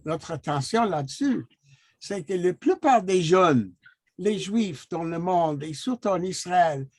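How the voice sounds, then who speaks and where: A man who is not a native French speaker, speaking French with a foreign accent in an unscripted discussion, haltingly searching for words. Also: high-pitched, dry recording. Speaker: guest commenter in a discussion.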